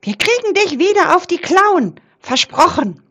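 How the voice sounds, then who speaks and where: A tiny, plucky forest mouse , voiced by a woman storyteller pipes up in a very high, squeaky voice. The lines come slowly and leap around in pitch, like a storybook critter. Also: big pitch swings, fairly bright tone, exaggerated voice. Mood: determined. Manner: squeaky and piping. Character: small, brave, quick little mouse.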